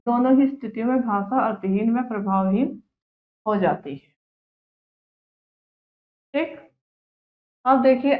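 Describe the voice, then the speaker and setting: Lady teacher going slow for little kids, says every word twice, thin phoney sound in an echoey room. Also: a little high, narrow, tinny audio. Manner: slow, repeats words for pupils, asks and answers own questions. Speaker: Hindi teacher. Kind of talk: classroom lesson for children.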